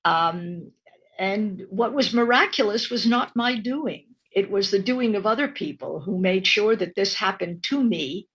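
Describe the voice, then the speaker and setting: A woman in her eighties, born in Romania and raised in Canada, speaking thoughtfully with many pauses as a guest on a video call from her home study. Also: medium pitch, expressive, a bit bright, slightly rough, lo-fi sound. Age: 80s. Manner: slow, thoughtful, with frequent ums. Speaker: guest, retired professor and author. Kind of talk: interview over video call. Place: home study lined with bookshelves.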